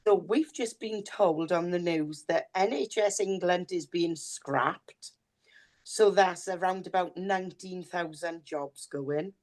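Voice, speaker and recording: Speaking slowly in a fairly low, darkish voice, a podcast co-host and reader with a Welsh accent chats casually and addresses listeners directly in a down-to-earth manner. Her voice sounds a bit worn and is turning hoarse.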